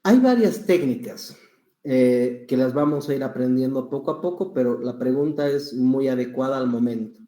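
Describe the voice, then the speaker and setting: A man, a public speaking instructor teaching an online class, patient and explaining with examples while deliberately varying pace and volume. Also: mid-range voice, mellow, reverberant.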